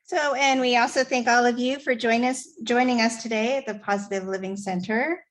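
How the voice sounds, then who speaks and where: A woman's voice: fairly high pitch, fairly even intonation, moderate pace. A woman hosting a church service, giving friendly announcements and leading the congregation in prayer.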